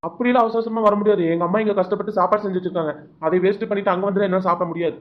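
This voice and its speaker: A woman's voice: mid-range voice, fairly even intonation, racing, lightly acted. A woman voicing a stubborn, uncaring young husband in a cartoon, curt and dismissive. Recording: dull lo-fi recording.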